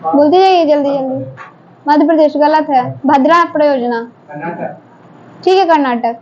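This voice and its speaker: A woman teacher running a quick quiz drill in a classroom, briskly prompting students to answer one after another. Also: high-pitched. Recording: dull lo-fi classroom recording, faint noise.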